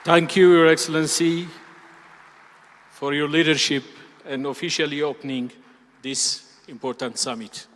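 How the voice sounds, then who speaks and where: A man serves as master of ceremonies, politely introducing the next part of the programme in a fairly high voice. He sounds off-mic and distant, with long reverb from a large conference hall. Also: steady tone, a little slow, a bit bright. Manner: polite, formal announcing. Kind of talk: formal event announcing.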